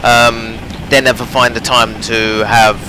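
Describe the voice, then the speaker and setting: This young adult gaming host plays a train simulator, speaking slowly at medium pitch with little pitch movement. His talk meanders with many fillers and hesitations, and his strained voice is going from overuse. The recording, made at home, is noisy.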